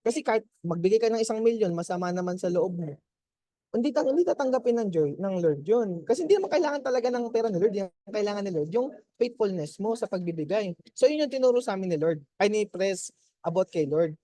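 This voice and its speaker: A man gives a motivational testimony to his team, mixing languages as he talks. His voice is mellow and warm, and the sound is close and dry. He chats freely and keeps checking in with his listeners. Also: high voice, expressive, fast, dry recording. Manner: chatty, keeps checking in with "di ba?" and laughs.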